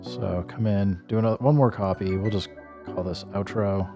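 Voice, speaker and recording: Man, very low voice, casual stream chat, thinking aloud, slightly hoarse, music playing underneath. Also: fairly even intonation, normal speed. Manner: thinking aloud, trailing off, self-correcting. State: slightly losing his voice. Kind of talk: casual livestream walkthrough.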